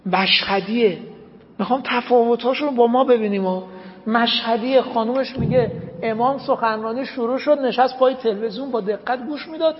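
A man preaching a storytelling sermon with a high-pitched voice, rising and falling with dramatic passion. The sound is dull and lo-fi, carried by the long reverb of a large hall. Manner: dramatic, impassioned storytelling with sudden rises in pitch and volume. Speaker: religious speaker.

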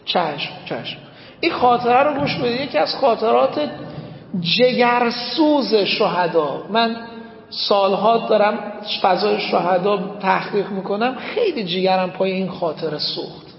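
A man's voice: expressive, creaky. A male religious speaker telling an emotional story as a sermon, in a dramatic, impassioned manner. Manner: dramatic, impassioned storytelling with sudden rises in pitch and volume. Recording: echoey hall, dull lo-fi sound.

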